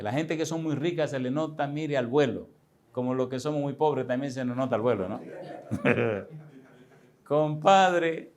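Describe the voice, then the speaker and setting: A man in his sixties, a pastor, tells a personal story in a sermon, speaking conversationally, addressing listeners directly and chuckling often. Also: mid-range voice. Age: 60s.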